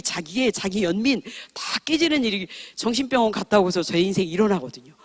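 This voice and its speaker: A woman's voice: medium pitch, husky. A woman in her fifties preaching at a church service, telling her personal testimony in an earnest, frank and self-deprecating way. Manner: earnest, heartfelt storytelling.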